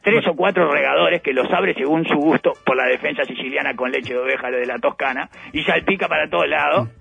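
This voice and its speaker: Uruguayan man, sardonic radio pundit, bright gravelly voice, dull lo-fi sound, faint music behind. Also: a little high, brisk. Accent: Uruguayan Spanish. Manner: ironic, rambling, playful asides. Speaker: radio commentator. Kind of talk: satirical political radio commentary.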